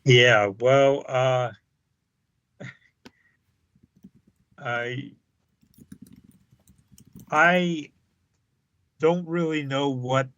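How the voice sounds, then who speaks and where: A man co-hosting a podcast in casual chat, halting and full of fillers, chuckling now and then. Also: medium pitch, steady tone, a bit bright, clean tone, dry recording, lo-fi sound. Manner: halting, many fillers and restarts, chuckles often. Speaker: podcast co-host.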